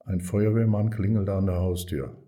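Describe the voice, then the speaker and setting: A man reading a children's story aloud as narrator, calm and measured. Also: low voice.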